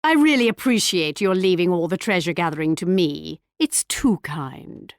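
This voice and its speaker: A woman's voice: lowish voice, animated, moderate pace, dry recording, studio quality. A woman playing a haughty, sly English queen in a video game, with a regal, arch and mock-polite manner. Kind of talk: video game character voice lines.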